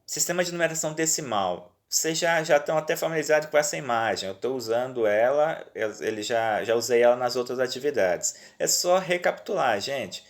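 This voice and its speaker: A man with a Brazilian accent talks pupils through their worksheets, one exercise at a time. He sounds patient and reassuring, keeps checking that they are following, and his voice sits at an ordinary middle pitch. It is recorded on a phone indoors at home. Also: animated, a little fast, hardly any pauses. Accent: Brazilian Portuguese. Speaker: teacher. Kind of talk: remote lesson walking through worksheets.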